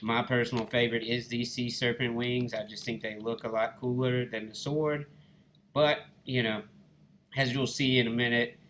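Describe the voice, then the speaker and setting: A man's voice: mid-range voice, level tone, normal speed, fairly bright tone, slight background noise, rough recording. A man with a Southern Alabama accent giving easygoing, folksy, casual commentary over his gameplay. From Alabama, United States. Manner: easygoing, folksy, addresses viewers as guys and y'all. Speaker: gaming channel host.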